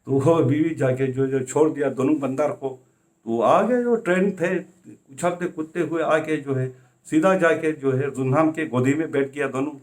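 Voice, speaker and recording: A man's voice: fairly high pitch, normal speed, darkish tone. Man telling a folk tale casually. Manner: conversational, with frequent filler phrases. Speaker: storyteller. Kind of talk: casual oral storytelling.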